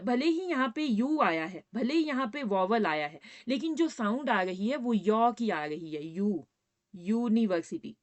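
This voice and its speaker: A woman teaching a grammar lesson, patiently repeating points and checking in with her students. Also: on the high side. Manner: addresses students as "बेटा".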